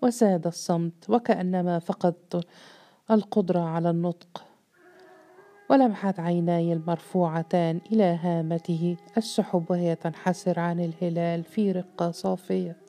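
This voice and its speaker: A woman reads a literary novel aloud at a measured, even storytelling pace. Her voice sits low and sounds very dark and mellow. The delivery stays composed throughout. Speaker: audiobook narrator.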